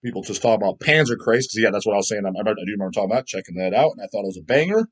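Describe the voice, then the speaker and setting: Talking very fast in a fairly low, expressive voice, this middle-aged host rambles through viewer comments in a casual video. He's blunt, crude, and emphatic, and swears heavily.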